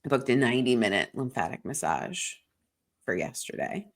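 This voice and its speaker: A podcast co-host with a deep, low voice chats casually and expressively at a moderate pace, rambling frankly through her week with heavy use of "like" and frequent swearing. She's congested from a sinus infection, and her delivery is unguarded.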